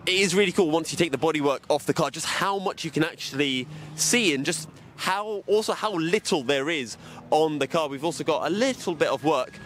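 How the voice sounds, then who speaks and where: A young adult man holds a handheld mic as he moves around a racing paddock outdoors, commentating and doing interviews. His voice is fairly high and a bit bright, and he talks a little fast. There's a little hiss or hum.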